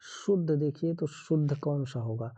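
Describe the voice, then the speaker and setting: A man's voice: on the high side, unhurried, warm tone. A man teaching a Hindi grammar lesson for an exam, going through the answers one by one in an explanatory way.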